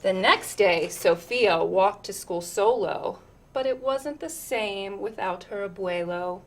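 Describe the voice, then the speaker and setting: A woman's voice: medium pitch, slow. A woman reading a children's picture book aloud expressively, with chatty asides and questions to her listeners.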